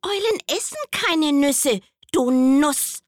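A woman voicing a cheeky little male mole in a children's story, teasing and a bit loud. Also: high-pitched, expressive, takes it slowly, no room sound, studio quality, pitched above the performer's own voice.

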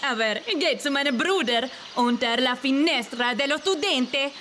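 A woman voicing a flustered yellow rose bush with an Italian accent, hesitant and soft. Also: high-pitched, normal speed, a little hiss or hum, voice pushed up.

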